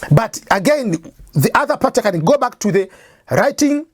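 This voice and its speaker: In a dry, studio-quality recording, a woman with a slightly high, sing-song voice speaks at a normal pace. She's an East African test-prep teacher, a Swahili native speaker with an East African accent, informally lecturing on English exams and repeating her points with examples.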